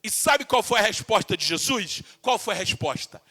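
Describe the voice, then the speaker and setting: High, bright-voiced impassioned Brazilian pastor. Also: male voice, animated, moderate pace. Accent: Brazilian Portuguese. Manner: impassioned preaching, calls listeners "querido", acts out voices from the text. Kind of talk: sermon.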